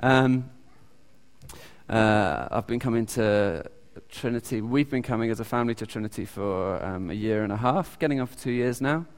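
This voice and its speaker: A British lay preacher gives an informal sermon with audience questions in a church hall, where long, echoey reverb surrounds his smooth, mid-range male voice. He speaks haltingly, often restarting and pausing on ums while searching for words.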